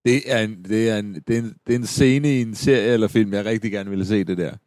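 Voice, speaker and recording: A man's voice: lowish voice, steady tone, a little mellow, no room sound. A man in casual chat, chiming in with short dry asides. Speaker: podcast co-host.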